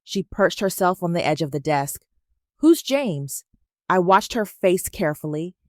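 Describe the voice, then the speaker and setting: A woman in steady, tense scripted first-person narration of a family story. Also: lowish voice, moderate pace, no room sound, clean studio sound.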